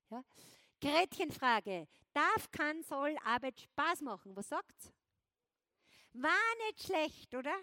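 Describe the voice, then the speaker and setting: A high-voiced woman gives a motivational keynote from a stage. She talks with lively energy and keeps checking in with the crowd. The sound is dry and close, picked up by a clip-on wireless mic. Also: no room sound. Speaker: motivational speaker. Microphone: wireless clip-on transmitter.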